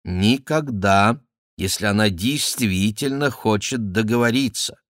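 A man voicing an aging, scheming queen mother who pleads with her son in a raised, drawn-out way. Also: lowish voice, a bit bright, no room sound, studio quality. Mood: imploring.

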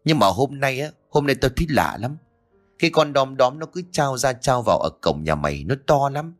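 A man's voice: mid-range voice, big pitch swings, moderate pace, soft background music, pitched above the performer's own voice, natural voice. Guy voicing scared old village chief, stammering, voice jumping all over. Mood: terrified. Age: older. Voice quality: stammering, shaky.

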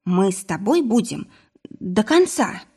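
A woman reading a determined, excitable woman in a husky voice. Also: mid-range voice, takes it slowly, exaggerated voice. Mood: calm. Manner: reassuring, then exclaiming.

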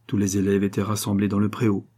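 A man narrating a literary story aloud, in an expressive, dramatic reading style. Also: on the low side, quick pace, slightly rough. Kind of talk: scripted audiobook narration.

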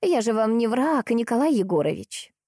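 A woman voicing a sharp-tongued, persistent older woman detective who is by turns sweet and cutting, in an audiobook. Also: medium pitch, big pitch swings, moderate pace, no echo, studio quality, pitched above the performer's own voice, natural voice. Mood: coaxing.

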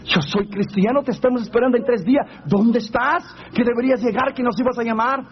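A man's voice: extremely high pitch, fairly even intonation, fairly quick, voice pushed up. A man voicing a huge male secret police guard in a sermon story, blunt and questioning. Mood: earnest. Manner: blunt, interrogating. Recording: dull lo-fi recording, faint noise.

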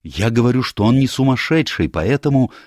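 A man's voice: medium pitch, lively intonation, fairly quick, darkish tone, dry recording, studio quality, voice pushed up, lightly acted. A man voicing a frightened, fiery young woman in an audiobook, urgent and pleading. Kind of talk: audiobook character voice.

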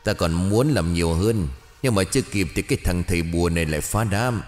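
A man's voice: sits low, brisk, big-room sound, soft background music, close to an everyday voice. Man putting on a sneering hungry ghost. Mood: gloating. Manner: sneering, bargaining. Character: sly hungry ghost posing as wealth god, male.

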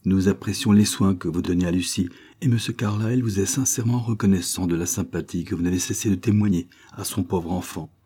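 Male reader voices a warm, insistent young wife; husky, dark tone. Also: low voice, a little fast, few pauses. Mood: solicitous. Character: kind young wealthy wife and mother.

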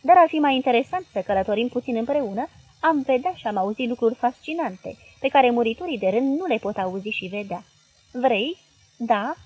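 Woman reading as a male hypnotist, insistent, urging, husky voice, dry close sound, audiobook. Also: fairly high pitch, expressive, a little mellow, no room sound, dull audio. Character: intense male hypnotist, coaxing and commanding.

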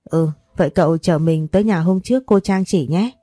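A woman's voice: fairly low pitch, brisk, mellow, dry recording, studio quality, lightly acted. A woman voicing a sassy fifteen-year-old girl who snaps back defiantly. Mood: tearful.

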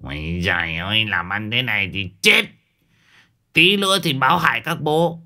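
A man's voice: fairly low pitch, lively intonation, moderate pace, pushed and bright, heavily acted. A man voicing a grumbling old driver, cursing and stammering. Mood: exclaiming. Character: old grumbling male driver, cigarette in mouth.

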